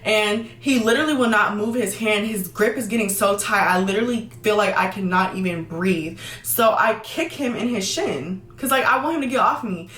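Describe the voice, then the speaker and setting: Young woman vlogger, quick emphatic storytelling, roomy sound, set back from the mic. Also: medium pitch, a bit bright, recorded from a distance. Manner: fast, emphatic, repeats words for emphasis. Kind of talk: storytime vlog.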